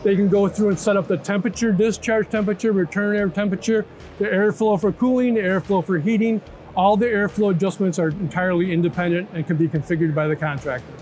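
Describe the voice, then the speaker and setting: Fast and steady, this high-pitched, darkish voice belongs to a man in his fifties showing off a product in an interview. Amid a sprawling indoor trade show with a music bed underneath, he breaks things down step by step and checks in with "right?" and "okay?".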